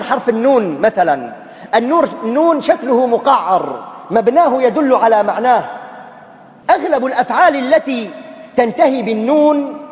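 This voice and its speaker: A man preaching a sermon, emphatic and now and then rising to loud declamation. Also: very high voice. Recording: long hall reverb.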